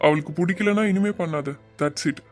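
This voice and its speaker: A man voicing a caring middle-aged father in a cartoon, speaking in a calm, reassuring way. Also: on the high side, normal speed, soft background music, natural voice. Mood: concerned.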